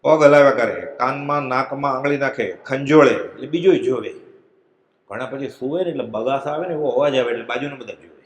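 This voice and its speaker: Middle-aged man, religious discourse, conversational anecdotes, mid-pitched voice, echoey hall. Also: a little fast. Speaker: spiritual discourse reader. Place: prayer hall.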